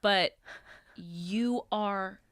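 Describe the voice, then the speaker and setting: A woman's voice: mid-range voice, very slow, fairly bright tone, no echo. A woman hosting a casual podcast, blunt and opinionated, cursing freely as she vents. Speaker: podcast host.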